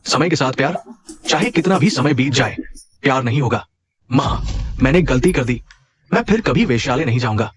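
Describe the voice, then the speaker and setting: A man's voice: mid-range voice, lively intonation, moderate pace, long pauses, crowd noise, natural voice. Guy doing a whiny young son, voice jumps all over, keeps complaining. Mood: pleading. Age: young adult. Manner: pleading, complaining. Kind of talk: dubbed drama acting.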